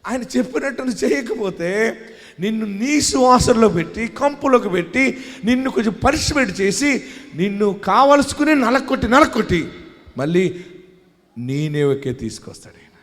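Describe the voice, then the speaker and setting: A man's voice: high-pitched, animated, moderate pace. A male pastor preaching in a reverberant hall. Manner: swings from quiet talk to loud shouting; calls on the congregation to shout hallelujah. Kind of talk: sermon.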